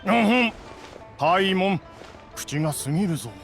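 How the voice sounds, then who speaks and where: A man's voice: high voice, expressive, measured pace, vocal fry, full character voice. A man voicing a proud, stern ancient immortal in human guise for an anime game, lofty and easily exasperated, with archaic phrasing. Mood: haughty. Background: music.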